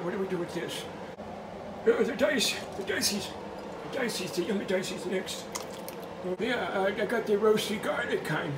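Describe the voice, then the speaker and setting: A man's voice: high voice, far from the mic, background noise. A middle-aged man playing a silly, distracted old grandpa who cooks in his home kitchen and keeps stumbling over his words. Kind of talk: comedic cooking vlog. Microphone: handheld phone camera.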